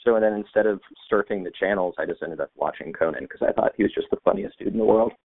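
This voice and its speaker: A fairly low-voiced man talks as a podcast guest, stopping and restarting often between fillers. His voice comes through a thin, phone-like remote line. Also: fast, vocal fry. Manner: hesitant, many fillers and restarts. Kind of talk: casual interview chat.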